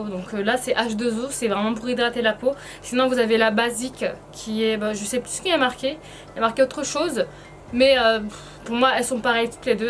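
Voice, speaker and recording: A woman with a slightly high voice presents a casual, chatty beauty tutorial as a vlogger, sounding hesitant and informal. Painful braces slightly impede her speech, and there is slight background noise.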